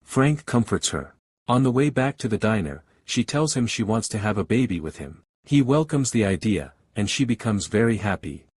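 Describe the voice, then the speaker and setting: Husky low-voiced man narrating a recap. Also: very animated, moderate pace, no room sound. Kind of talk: scripted narration.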